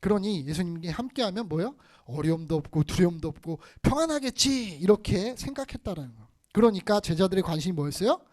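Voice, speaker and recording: Lively woman preaching to children. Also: lowish voice, fast talker, hardly any pauses. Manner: asks the listeners many questions. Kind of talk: children's sermon. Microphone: video call.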